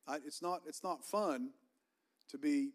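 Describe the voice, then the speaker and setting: A man preaches in a church, his Southern Virginian drawl plain in every phrase. His voice sits a bit higher than most men's. He calls out for amens and builds toward a fervent, rising delivery. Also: measured pace. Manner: preaching with call-and-response, rising fervor. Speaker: pastor. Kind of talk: sermon. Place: church sanctuary.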